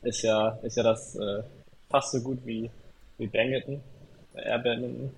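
A man's voice: medium pitch, level tone, moderate pace, vocal fry, a little hiss or hum, low-quality recording. A man co-hosting a podcast in casual chat, talking in a rambling, hesitant way with many restarts. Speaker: podcast co-host.

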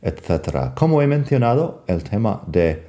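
Guy teaching english grammar, deep mellow voice, slow and patient, repeats examples, lots of little pauses. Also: big pitch swings. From United States. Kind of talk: bilingual language lesson.

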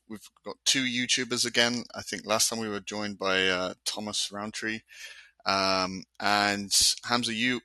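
With a lowish voice and no echo, a man hosts a live online architecture discussion. He chats in a relaxed, rambling way, full of fillers and easy laughter.

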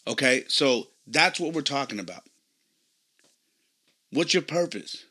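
Bright-voiced man telling stories. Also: mid-range voice, animated, measured pace, husky. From California. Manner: conversational, rambling with fillers, grows emphatic when lecturing. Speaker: podcast host. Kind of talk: personal storytelling monologue.

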